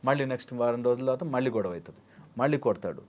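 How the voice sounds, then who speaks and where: A man's voice: mid-range voice, expressive, rapid-fire. Man giving life-coaching advice. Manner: explains with everyday examples, mixing English phrases. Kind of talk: interview answers.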